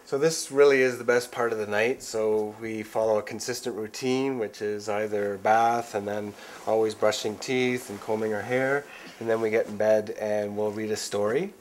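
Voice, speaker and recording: A man's voice: on the low side, steady tone, moderate pace, slight background noise, low-quality recording. A man in his thirties, a father, explaining family routines in a casual way.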